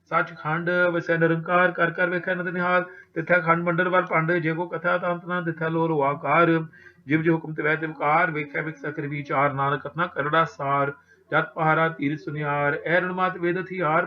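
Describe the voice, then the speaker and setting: A man with a Punjabi accent reciting Sikh scripture in a steady chant, pausing to instruct the congregation earnestly. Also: on the high side. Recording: dull lo-fi recording.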